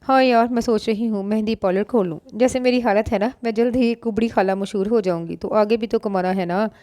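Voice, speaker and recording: A woman voicing a soft-hearted, fearful young divorced woman who speaks hesitantly, in a read-aloud novel. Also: medium pitch, steady tone, fairly quick, no echo, studio quality, close to an everyday voice. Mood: wary. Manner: hesitant, pleading.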